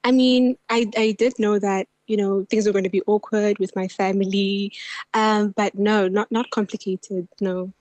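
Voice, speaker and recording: Young woman from South Africa, radio guest, brief replies, even flat delivery. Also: mid-range voice, normal speed, dry recording. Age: young adult. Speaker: interview guest.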